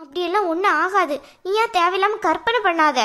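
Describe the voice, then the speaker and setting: [name], a woman doing a squeaky pushy cartoon sister. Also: a little fast, pushed and bright. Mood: coaxing. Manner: coaxing, insistent questioning. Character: young village woman, caring pushy sister. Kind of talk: cartoon voice acting.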